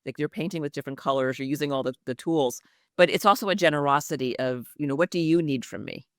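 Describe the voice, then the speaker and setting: Her deep voice moves at a quick pace, captured in a dry, studio-quality recording. As an executive communication coach in a podcast interview, she is expressive and emphatic, with the honed delivery of a trained actress.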